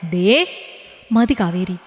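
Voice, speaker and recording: A woman voicing a worn-out young wife who speaks softly and pleads. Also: fairly low pitch, extremely slow, echoey room, long reverb tail. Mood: pleading. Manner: soft, pleading.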